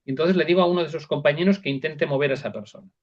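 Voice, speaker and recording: A man's voice: a little high, racing, lo-fi sound. A man speaking as a psychologist guest, explaining step by step with examples and frequent repeated words. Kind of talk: casual interview talk.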